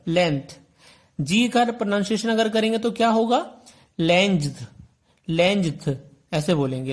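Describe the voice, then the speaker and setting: A male teacher with an Indian English accent explaining a textbook lesson, repeating words and reading English lines out slowly. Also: high voice.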